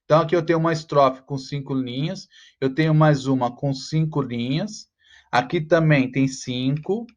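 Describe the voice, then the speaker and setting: A man teaching a class, walking students through a task with frequent "tá?" check-ins and slowing down to spell out the rhymes. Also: a little high. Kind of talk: online class walkthrough.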